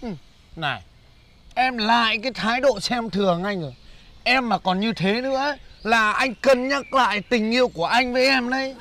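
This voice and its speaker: Brief: man as a loud, bragging young laborer, high voice. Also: normal speed, slight background noise, full character voice. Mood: boastful. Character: boastful broke male laborer, young adult.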